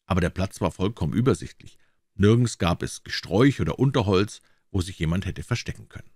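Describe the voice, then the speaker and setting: A man reading a classic short story aloud as an audiobook narrator, in an expressive storytelling manner. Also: low-pitched, brisk, no room sound, studio quality. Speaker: audiobook reader.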